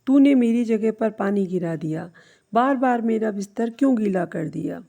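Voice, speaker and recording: A woman voicing a quick-tempered grown son who complains irritably in a storybook tale. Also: medium pitch, expressive, creaky, mellow. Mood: irritated.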